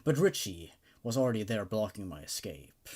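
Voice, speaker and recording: This man hosts horror story readings, narrating dramatically and emphatically before giving a casual, enthusiastic review. His fairly low voice is slightly mellow, moving at a moderate pace with wide pitch swings.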